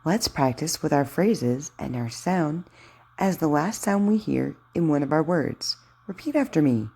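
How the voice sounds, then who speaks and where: A woman's voice: low-pitched, unhurried, vocal fry, darkish tone, slightly rough. A woman speech therapist giving simple, encouraging instructions in a lesson. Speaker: speech therapist teaching articulation. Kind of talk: friendly instructional lesson talk.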